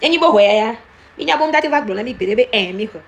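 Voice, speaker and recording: Lively woman scolding chatters. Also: on the high side, quick pace, dull audio. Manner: animated, scolding viewers by name, mixing French with Ewe. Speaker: live-stream commentator. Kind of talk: casual live commentary.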